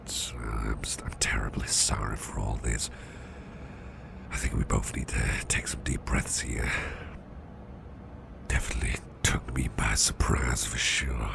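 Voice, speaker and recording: A very deep, gravelly half-whisper carries this man's turn as a gentle, protective boss comforting a worn-out employee in an ASMR roleplay of close personal attention. Fully in character, he fusses reassuringly with hesitant, repeated phrases, keeping his pitch fairly level, his pace measured, and pausing often, in a caring, advising mood. The mic is close, with loud noise behind.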